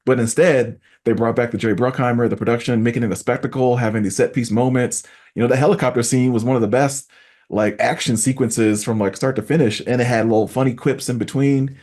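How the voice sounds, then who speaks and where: This podcast host, a man with a mid-range voice, speaks fast during a laid-back chat. Animated throughout, he performs quotes whenever he's making a point.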